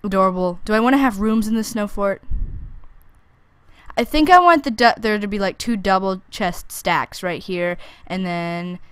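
A woman's voice: medium pitch, normal speed, clear, resonant tone, no room sound. Chatty young woman narrating her gameplay. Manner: chatty, self-answering, teasing the game's monsters, squealing when excited. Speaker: let's play gamer. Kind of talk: casual gameplay commentary.

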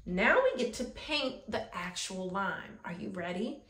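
An expressive woman with a mid-range, fairly bright voice talks a little slowly to young children. As a preschool teacher in her thirties running an art lesson, she offers encouragement and often asks questions, her voice echoing in a small classroom-style room.

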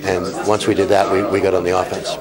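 A man's voice: sits low, flat delivery, quick pace, poor audio. An older man, a hockey head coach, explaining his tactics in a plain-spoken postgame interview at an arena. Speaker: winning team head coach. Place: indoor arena press area. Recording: loud crowd behind.

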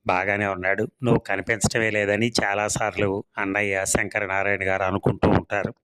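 A man reading a storybook serial, voicing a bitter, resentful young woman who gives curt, sharp replies. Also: fairly low pitch, little pitch movement, fairly quick, noisy background, lightly acted.

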